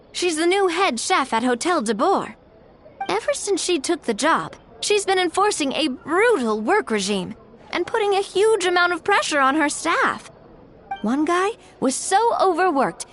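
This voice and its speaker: A woman's voice: extremely high pitch, big pitch swings, measured pace, fairly bright tone, exaggerated voice. A woman playing a polite, principled young woman leader in a video game, composed yet firm. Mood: weary, explanatory. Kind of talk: animated game voice acting.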